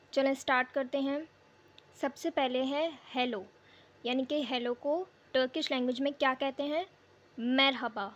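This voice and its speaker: A young woman teaching a beginner language lesson, repeating each phrase slowly for pronunciation practice. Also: high voice. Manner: slow, repeated pronunciation drills.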